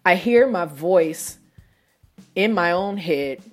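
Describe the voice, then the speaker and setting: A woman's voice: on the low side, lively intonation, takes it slowly, soft background music. A woman, hosting a solo podcast in a chatty, self-mocking way. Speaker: podcast host.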